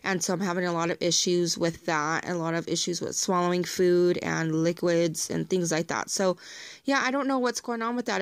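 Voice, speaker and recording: A woman with a raspy voice, chatting in a rambling, friendly way straight to her viewers in a casual haul video. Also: fairly low pitch, no room sound. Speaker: haul vlogger.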